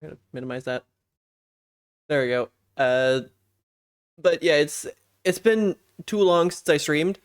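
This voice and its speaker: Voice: mid-range voice, expressive, unhurried, long pauses. A live streamer chatting casually with viewers in a playful, self-deprecating gamer manner. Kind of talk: casual livestream chat with viewers.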